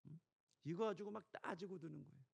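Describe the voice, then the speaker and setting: Gravelly-voiced high-pitched preaching man. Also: quick pace. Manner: swings between loud preaching and soft storytelling. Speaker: pastor. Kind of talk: sermon.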